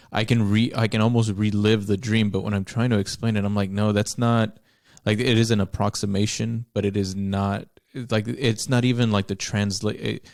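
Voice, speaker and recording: A man's voice: fairly low pitch, darkish tone, no echo, clean studio sound. A man co-hosting a book podcast, searching for words with many likes and restarts. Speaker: podcast co-host. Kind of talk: casual book discussion.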